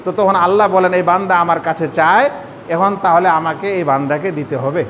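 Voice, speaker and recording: A man's voice: fairly quick, fairly bright tone. A man, an Islamic scholar, gives a sermon-style lesson on how to pray, explaining each step and putting rhetorical questions to his listeners. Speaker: Islamic scholar teaching prayer. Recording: hall reverb, faint rumble.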